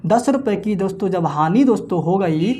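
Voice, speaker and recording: A male maths teacher preps viewers for exams, chanting times tables rapidly as he works sums aloud and calling them friends in nearly every phrase. He answers his own questions. His voice is high-pitched and dark-toned with lively intonation, and faint music plays behind him.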